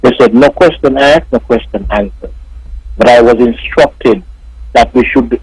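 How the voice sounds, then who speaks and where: A man's voice: medium pitch, measured pace, a little mellow, no room sound. A man from Saint Kitts, calling a talk radio show over the phone and speaking formally to the host. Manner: formal, keeps addressing the host as Mister. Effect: heard over a phone line. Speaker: radio call-in caller. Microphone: telephone. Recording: dry, husky phone-line audio.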